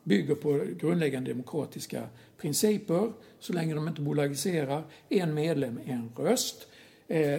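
Blunt man with a gravelly voice. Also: fairly high pitch, a little mellow. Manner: emphatic, blunt and swearing, with constant rhetorical tag questions. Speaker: youth football coach and club representative. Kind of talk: conversational explanation.

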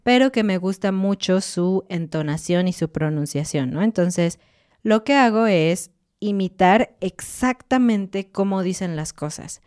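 A woman, co-hosting a casual Spanish-learning podcast and explaining things clearly with light jokes. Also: mid-range voice, a little slow, darkish tone. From Mexico. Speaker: podcast co-host and Spanish teacher. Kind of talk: casual educational podcast chat.

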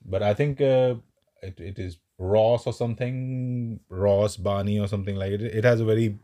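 A man's voice: on the low side, steady tone, normal speed, warm tone. A man co-hosting a casual podcast chat, telling a long anecdote full of "uh" fillers and small laughs. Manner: rambling storyteller with many "uh" fillers. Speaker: podcast co-host.

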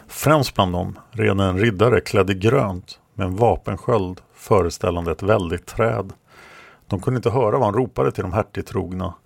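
A man narrating his own fantasy book in a calm, measured way. His voice is low with a gravelly rasp, recorded close and dry with no room sound. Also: no room sound. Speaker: author and podcast narrator. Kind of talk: audiobook narration.

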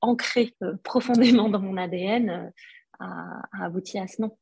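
An Algerian woman whose first language is Arabic, a brand founder, tells her story in a podcast interview, reflective and hesitant with many fillers. Her mid-range voice is gravelly, darkish and slightly rough, at a moderate pace with no echo.

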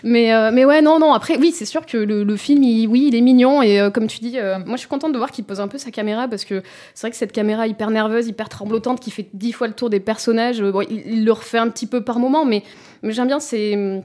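A woman reviewing a film in casual panel chat, relaxed and conversational, with frequent fillers. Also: on the high side, quick pace.

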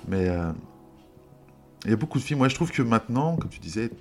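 A man hosting a podcast, chatting casually about films, relaxed and hesitant with many fillers. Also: mid-range voice, brisk, faint music behind.

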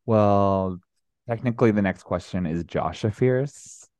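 Brief: young male co-host, very low voice, dry close sound, offhand. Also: slow pace, darkish tone, no echo. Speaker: podcast co-host. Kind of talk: casual chat.

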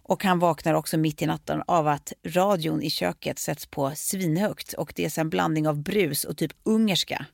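A woman in casual chat, telling a scary story with lively acted-out voices. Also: low voice, gravelly, hardly any pauses, dry recording, clean studio sound.

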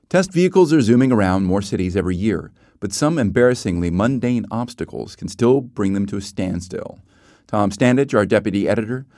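Male podcast presenter, low voice, dead-dry studio sound, measured reads. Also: darkish tone, no room sound. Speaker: podcast host. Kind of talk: scripted news presenting.

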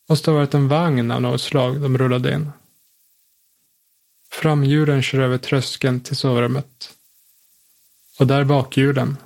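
A man narrates a tense first-person story in a steady, unhurried voice. His pitch sits a little above that of most men, and his delivery stays controlled even as the story tightens.

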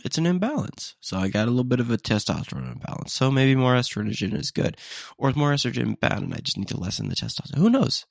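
A young man hosts a casual solo podcast, sounding stuffed up and sniffly as he rambles along in a self-deprecating way. His mid-range voice has vocal fry, and the recording is dry and studio quality.

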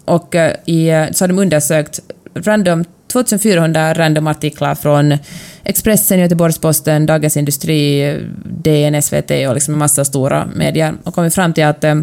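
A woman's voice: sits low, steady tone, darkish tone. A woman from Finland with a Finland-Swedish accent, co-hosting a podcast and discussing things in a casual, conversational way. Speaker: podcast co-host.

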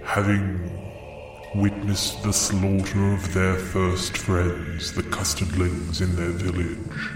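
Man doing a very deep, solemn recap narrator. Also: monotone, recorded from a distance. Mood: grave, dramatic. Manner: grave, portentous, drawn-out delivery. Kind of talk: dramatic previously-on recap narration. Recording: roomy echo under loud music. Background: loud music.

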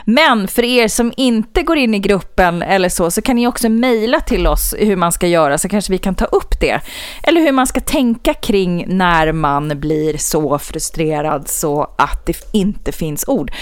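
Smooth-voiced woman, casual podcast chat. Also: fairly low pitch, dry recording, studio quality. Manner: thoughtful, hesitant, many fillers. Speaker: podcast co-host.

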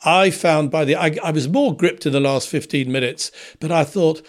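A man's voice: a little high, normal speed. A man co-hosting a TV podcast, reviewing shows in a wry, discursive way. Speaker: podcast co-host. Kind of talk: casual review chat.

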